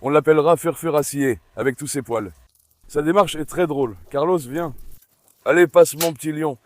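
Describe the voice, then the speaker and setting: A man's voice: on the high side, moderate pace, no room sound. A middle-aged man hosting a casual dog-farm vlog, chatting to viewers and calling out fondly to his dogs. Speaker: dog breeder and channel host.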